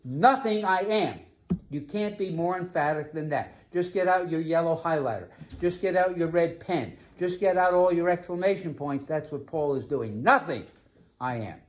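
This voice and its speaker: A man preaching a sermon as pastor, emphatic, slowing down to stress key phrases. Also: on the high side, a little mellow.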